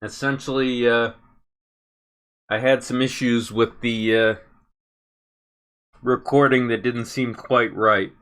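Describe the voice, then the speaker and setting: A man hosting a casual tech livestream from his workshop table, talking haltingly with many fillers. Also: medium pitch, fairly even intonation, fairly bright tone, clear, resonant tone.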